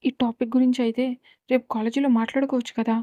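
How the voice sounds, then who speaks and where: A woman's voice: on the high side, flat delivery, rapid-fire, mellow, no room sound, natural voice. A woman voicing blunt young girl Madhu. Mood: scolding. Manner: blunt, scolding. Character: young woman student, blunt sister-in-law.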